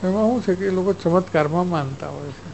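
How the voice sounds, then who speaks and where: High-voiced man giving a spiritual discourse. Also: quick pace, vocal fry, a little mellow, a little hiss or hum, rough recording. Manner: storytelling, acts out exchanges, chuckles. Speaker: spiritual teacher.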